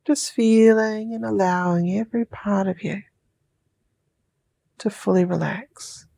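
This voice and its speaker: In a creaky, dark-toned mid-range voice with fairly even intonation, a woman from New Zealand talks someone through sleep hypnosis. She draws her words out slowly and soothingly, at times dropping into a whisper.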